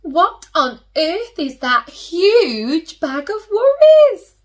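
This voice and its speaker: Woman acting a high-voiced, kindly little old lady. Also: sing-song, exaggerated voice. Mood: surprised concern. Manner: brisk and reassuring. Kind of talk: children's storybook read-aloud.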